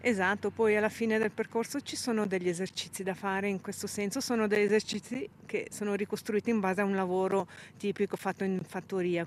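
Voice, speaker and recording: Calm woman explaining outdoors. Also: medium pitch, a little hiss or hum. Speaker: sheepdog handler interviewee. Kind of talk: interview answers. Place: outdoors in a field.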